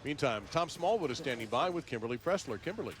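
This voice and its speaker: A man's voice: on the high side, lively intonation, fast talker, background noise. An American man giving live play-by-play sports commentary as the announcer.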